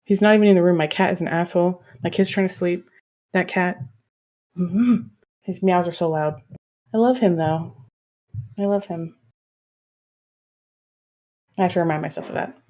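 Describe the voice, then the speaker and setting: A woman's voice: fairly low pitch, normal speed, pauses often, a little mellow. Frank, chatty woman podcast cohost. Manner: frank, chatty, laughs often. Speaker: podcast co-host. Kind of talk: casual chat.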